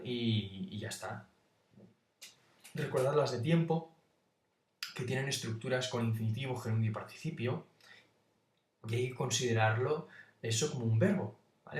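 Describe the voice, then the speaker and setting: A man's voice: mid-range voice, recorded from a distance. A man giving an informal exam-prep lesson, stopping to check in with his students at almost every step. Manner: informal, checks in with "¿vale?" constantly. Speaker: teacher. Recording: echoey room, voice off-mic.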